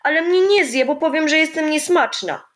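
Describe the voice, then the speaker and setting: A woman voicing a small eager curious girl in a children's storybook, calling out with excited, chirpy exclamations. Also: sits high, moderate pace, pitched above the performer's own voice.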